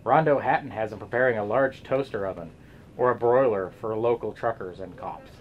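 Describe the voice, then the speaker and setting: A man co-hosting a horror host show with deadpan, scripted comic commentary. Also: on the low side, a little fast, highs cut off, a little hiss or hum.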